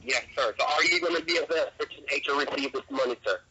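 A man with a slightly high, husky voice pushes through a telemarketing script. He sounds rushed and insistent, repeating his instructions. The sound is a dull, muffled telephone call. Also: sharp tone. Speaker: telemarketer (scam caller). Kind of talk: scripted phone sales pitch.

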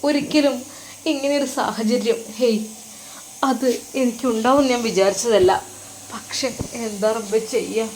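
A woman's voice: a little high, measured pace, darkish tone, a little hiss or hum. Woman playing a sad young man, subdued, hesitant, storybook tale. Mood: sorrowful. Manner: subdued, hesitant, heavy-hearted. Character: grieving young married man, religious scholar.

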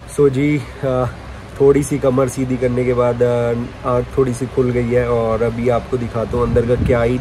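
Heard over slight background noise, a travel vlogger with a mid-range, somewhat dark voice narrates his road trip handheld. He films outdoors and around a rest house, chatting casually to viewers and frequently saying "so ji" and "dekh sakte ho."

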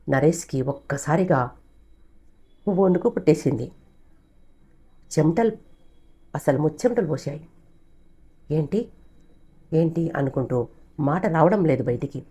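A woman's voice: low voice, expressive, a little slow, long pauses, dark tone, slightly rough. A woman narrating a dramatic story with suspenseful emphasis.

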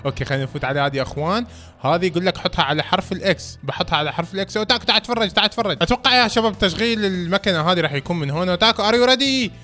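Excitable high-pitched fast-talking young man. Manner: excitable, exclaiming, playful. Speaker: gaming video host. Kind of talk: excited game play commentary with a friend. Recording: music behind the voice. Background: background music.

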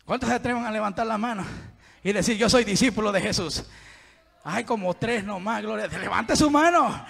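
A man preaching a fervent Pentecostal sermon in a church, shouting and constantly calling out to his brothers. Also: sits high, fairly quick, gravelly. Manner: fervent, shouting, keeps saying "mi hermano". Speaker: guest preacher. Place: church sanctuary. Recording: long hall reverb.

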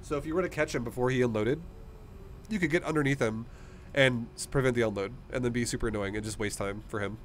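Man, thirties, medium pitch, informal encouraging gaming coach, close mic, slight background noise. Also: fast talker. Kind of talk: casual coaching talk.

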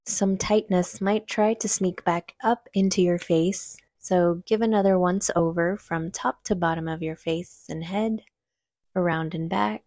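Here a woman runs a guided meditation in a lowish voice with a steady tone. She gives gentle, unhurried instructions, leaving long pauses between phrases, and there's no echo.

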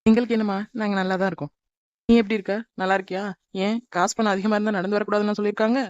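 A woman voicing a sharp-tongued, jealous young woman in a cartoon, scolding and sarcastic. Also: mid-range voice, little pitch movement, very fast, no echo, lo-fi sound, lightly acted. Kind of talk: animated cartoon dub.

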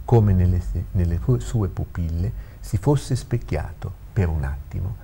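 Low, mellow male storyteller. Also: measured pace, gravelly, a little hiss or hum. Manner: expressive, varied intonation. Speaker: host and storyteller. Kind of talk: reading a story aloud.

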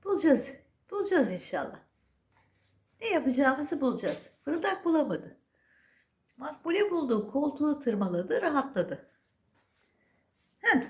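A woman's voice: sits high, very animated, a little slow, pauses often, darkish tone. A woman at home talking baby talk to her cats, cooing and teasing them in a sing-song way. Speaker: cat owner filming her cats. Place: at home indoors.

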